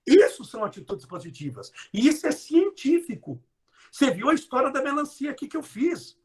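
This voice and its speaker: A motivational speaker from the interior of São Paulo state, Brazil, gives a live talk in a high, sharply swooping voice, very animated and brisk. He stretches key words for emphasis, erupts into loud bursts, and keeps teasing listeners with direct questions as his melody rises and falls.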